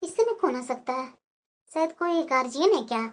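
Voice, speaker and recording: A woman voicing both mother-in-law and daughter-in-law in a cartoon family story, expressive and quick to switch roles. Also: sits high, heavy background noise. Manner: expressive, switching between two figures.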